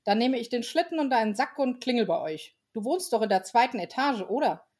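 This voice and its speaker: A woman's voice: fairly high pitch, expressive, brisk, a little mellow, slightly rough, voice pushed up. A friendly, playful Father Christmas talking a fellow into a swap, cheerful and persuasive, from a storybook reading. A woman reads him in a voice close to her own.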